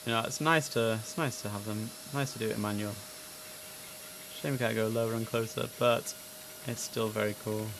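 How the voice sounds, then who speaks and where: A streamer playing an air traffic control simulator comments casually, chatting and musing to himself between clipped radio calls. His voice is fairly low and creaky, steady in tone at normal speed, over a noisy background.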